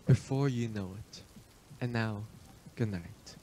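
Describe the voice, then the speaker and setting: An actor playing a suave, imperious Transylvanian vampire count in a radio play, speaking with formal, deliberate, ominous politeness. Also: male voice, on the low side, warm tone. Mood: courteous, ominous.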